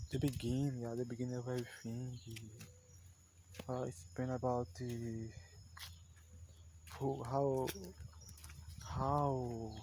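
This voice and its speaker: A language learner whose first language is Portuguese gives an unscripted practice monologue outdoors, with crickets chirping loudly behind him in a noisy background. His medium-pitched speech is unhurried and halting as he searches for words, often saying "yeah".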